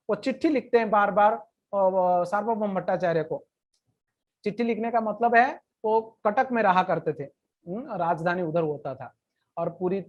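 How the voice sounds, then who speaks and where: A woman retelling a scripture story in a devotional lecture, in a plain conversational way, with slow recited verses now and then. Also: mid-range voice, muffled recording.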